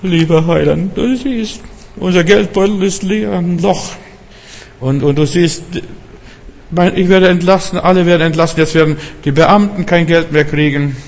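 A man voicing a desperate, anxious believer who pleads with God in a high, wailing voice. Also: normal speed. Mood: pleading. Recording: long church-hall reverb.

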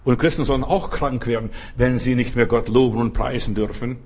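A man's voice: mid-range voice, fairly even intonation, fairly quick, a little mellow, slightly rough. A man preaching a sermon, emphatic and repetitive, speaking straight to the listener. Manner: emphatic, repeats phrases, addresses listener as du.

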